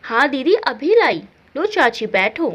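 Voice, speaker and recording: The youngest daughter-in-law in a family storybook, as a woman narrator puts her on, loud and eager. Her voice sits high and bounces around a lot. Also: very animated, a little slow, heavily acted.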